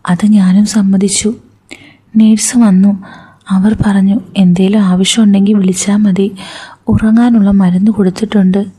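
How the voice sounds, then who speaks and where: A woman reading a story aloud in a hushed, steady whisper throughout. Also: medium pitch, slightly rough. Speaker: story narrator.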